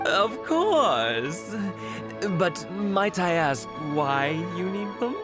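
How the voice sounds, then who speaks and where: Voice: medium pitch, big pitch swings, extremely slow. A voice actor playing a polite, hesitant male shopkeeper in a game who speaks with deference. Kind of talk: game voice acting. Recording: studio voice over game music.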